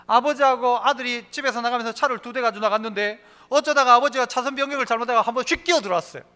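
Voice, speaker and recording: A man's voice: very high voice, very fast, bright, forceful tone, clear, resonant tone. A man preaching a sermon as pastor, asking the congregation questions and answering them himself, and telling stories with voices. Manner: tells stories, acting out quoted voices. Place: church sanctuary.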